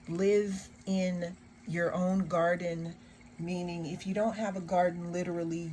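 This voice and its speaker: Slow, emphatic woman tarot reader. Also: on the low side, a little mellow, a little hiss or hum, low-quality recording. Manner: slow, emphatic, drawn-out phrases with repeated refrains; sarcastic asides. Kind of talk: tarot card reading to viewers.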